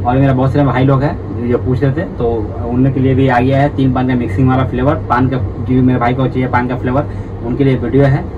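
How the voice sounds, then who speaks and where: A man's voice: mid-range voice, level tone, quick pace. A man hosting a casual hookah how-to, talking in a repetitive, chatty way and addressing viewers as brothers. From India. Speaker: hookah tutorial host. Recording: distant, dull audio with background noise.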